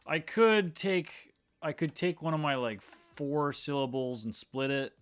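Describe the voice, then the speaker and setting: A man's voice: a little high, animated, measured pace, clear, resonant tone. A man who edits video, chatting casually on a livestream as he works, thinking aloud, trailing off and restarting his sentences. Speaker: video editor. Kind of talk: casual livestream talk while editing.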